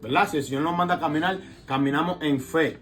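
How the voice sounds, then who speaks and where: A man's voice: on the high side, fast, fairly bright tone. A man sharing reflections in a casual preaching conversation, often checking in with his listeners. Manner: reflective, repeats phrases, asks "¿verdad?". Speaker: co-host of a faith talk show. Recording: phone recording with guitar music behind.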